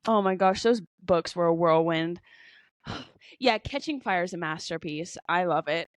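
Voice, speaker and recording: A young woman co-hosting a casual podcast chat, gushing and expressive, swearing freely. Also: lowish voice, a little slow. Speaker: podcast co-host.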